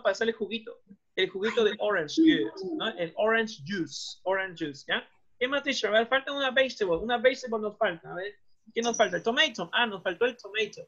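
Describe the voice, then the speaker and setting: Bright-voiced Peruvian teacher, lo-fi recording. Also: male voice, high voice. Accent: Peruvian Spanish. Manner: cheerful, switches between Spanish and English, repeats words. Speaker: primary school English teacher. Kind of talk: bilingual classroom lesson. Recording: lo-fi, muffled audio.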